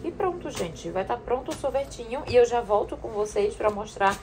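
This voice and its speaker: Expressive and on the high side, yet with a darkish tone, a young woman talks at a normal pace as she sorts food in her home kitchen for a vlog. She frequently addresses her viewers, a camera on the counter records her, and a little hiss or hum is audible.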